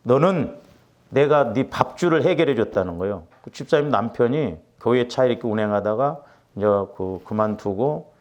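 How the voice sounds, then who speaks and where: A middle-aged man preaching as a pastor, telling a personal story and acting out the quotes. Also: medium pitch. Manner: animated, acts out quotes with rising intensity. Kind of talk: sermon with storytelling.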